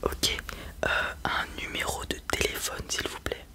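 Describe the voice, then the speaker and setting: Whispered role-play: librarian, fully whispered and breathy, polite customer-service patter. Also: unhurried. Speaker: ASMR performer playing a librarian.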